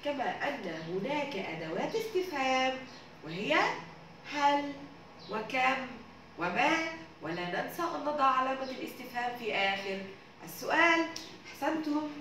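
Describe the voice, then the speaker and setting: A woman's voice: sits high, lively intonation, moderate pace. A woman from Egypt, a primary school teacher, reading a story and explaining words and grammar to young children in a didactic manner. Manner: warm didactic tone, addresses the children as dear ones. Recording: echoey room, distant mic, background noise.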